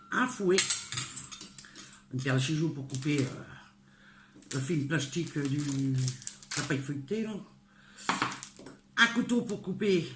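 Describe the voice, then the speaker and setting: A low-pitched older woman from northern France gives a casual cooking tutorial in her home kitchen, speaking directly to the viewer in a homely, chatty manner full of hesitant fillers. The echoey room carries background noise of clinking cutlery, pots and clattering dishes.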